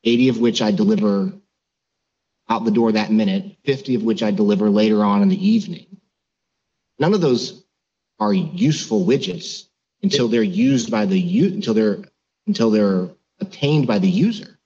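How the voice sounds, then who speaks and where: A man's voice: fairly low pitch, expressive, normal speed, vocal fry, warm tone, slightly rough, dull audio. A man judging from the bench, pressing a lawyer with hypothetical examples and restarting his words. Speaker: appellate judge. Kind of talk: questioning counsel in oral argument. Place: courtroom.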